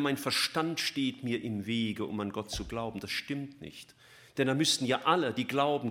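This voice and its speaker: A man preaching a sermon, swinging between loud emphatic lines and soft, almost whispered ones. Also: medium pitch.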